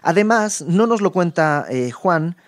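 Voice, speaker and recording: Animated man teaching a Bible study. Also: high voice, unhurried. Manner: emphatic, swings between raised and hushed delivery; conversational asides and tag questions.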